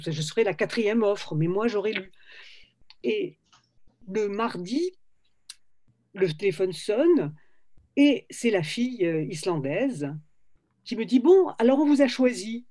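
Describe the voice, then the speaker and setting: Older woman publisher telling a lively anecdote. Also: mid-range voice, a little slow, long pauses. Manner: animated anecdotal storytelling with many restarts. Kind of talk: storytelling interview.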